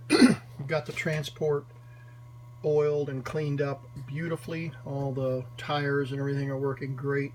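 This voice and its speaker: Slow-talking man over loud hum. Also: medium pitch. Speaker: demonstrator of a vintage wire recorder. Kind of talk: unscripted hands-on demonstration. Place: small cluttered indoor workshop. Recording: noisy, with steady electrical hum.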